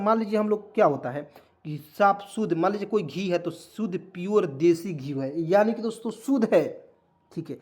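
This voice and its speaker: A man's voice: high-pitched, a little mellow. Man teaching English pronunciation. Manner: explains word by word, repeatedly asks and answers himself; addresses viewers as friends often. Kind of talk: online lesson.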